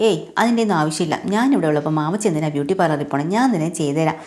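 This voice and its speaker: A woman voicing a caring, cheerful young woman who gently scolds her elders. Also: sits low, racing, lightly acted.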